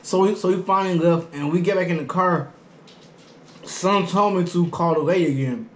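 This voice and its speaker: A man telling a casual story in an animated way, repeating phrases and quoting back conversations. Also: high-pitched, normal speed. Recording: roomy echo, faint background noise.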